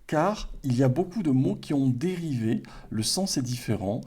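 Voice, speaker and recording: Mellow, husky French man teacher. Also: medium pitch, normal speed. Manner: calm and explanatory, checks in with "hein" and "d'accord". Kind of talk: explanatory teaching on a livestream.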